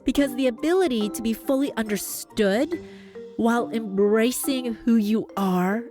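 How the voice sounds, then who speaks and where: Warm in tone and measured in pace, this upbeat Canadian woman reads a scripted podcast monologue as a host and voice coach, soft music playing underneath. Her accent is neutral North American, and she encourages listeners with big leaps in pitch for emphasis.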